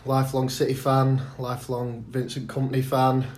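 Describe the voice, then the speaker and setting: A man's voice: mid-range voice, monotone, normal speed, a little mellow. A young man chatting casually as a football podcast guest. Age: young adult. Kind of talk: casual chat.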